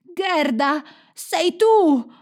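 A woman's voice: high-pitched, sing-song, slow, creaky, a bit bright, pitched above the performer's own voice, heavily acted. A woman voicing a young boy with a frozen heart in a storybook, curt and cold.

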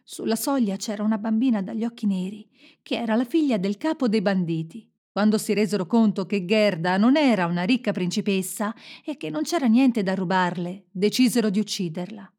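A woman narrating a fairy tale in a gentle, expressive storytelling manner. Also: medium pitch, a little fast.

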